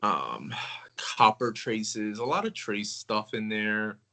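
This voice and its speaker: A man in casual conversation about crystals, talking in a relaxed, rambling way with many filler words. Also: lowish voice, takes it slowly, gravelly, rough recording. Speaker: crystal collector.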